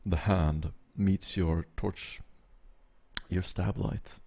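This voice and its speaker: A man's voice: deep voice, steady tone, very slow, vocal fry, very noisy. A man narrating a tabletop role-playing game as game master.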